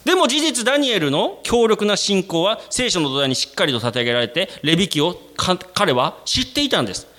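A man's voice: fairly quick, few pauses. A man preaching a sermon to his congregation, speaking to them directly. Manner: animated, addresses the congregation directly; acts out quoted voices with sudden jumps in pitch. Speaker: pastor.

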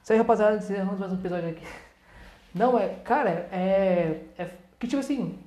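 A woman's voice: medium pitch, fast talker, mellow. A woman with a Brazilian Portuguese accent hosting a podcast in casual, slangy, rambling talk full of asides. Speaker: podcast host. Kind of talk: casual chat with channel announcements. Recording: roomy, echoing sound.

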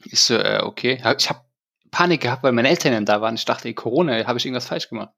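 A man's voice: mid-range voice, lively intonation, fast, creaky, a bit bright. A man in his thirties hosting a casual podcast, still a bit ill, telling a rambling story in slangy speech full of fillers. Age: 30s. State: recovering from illness. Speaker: podcast host.

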